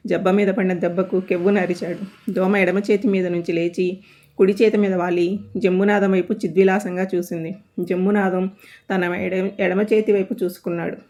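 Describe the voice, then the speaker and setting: A woman's voice: lowish voice, little pitch movement, normal speed, dark tone. Woman reading a comic story aloud.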